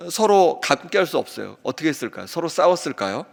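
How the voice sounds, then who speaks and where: A man preaching a sermon as pastor, earnest, slowing down when he reads scripture aloud. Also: fairly high pitch, big pitch swings, vocal fry. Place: church sanctuary. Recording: long church reverb.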